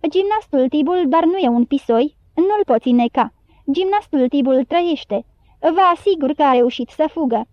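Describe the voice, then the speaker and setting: A woman's voice: sits high, expressive, dry recording, highs cut off. A woman reading the part of a ragged beggar who insists confidently on what he knows. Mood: assured. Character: ragged beggar man, self-assured.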